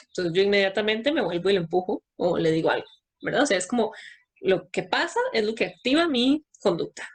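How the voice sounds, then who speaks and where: A woman's voice: mid-range voice, husky. A woman giving a talk to parents, explaining step by step and answering her own questions.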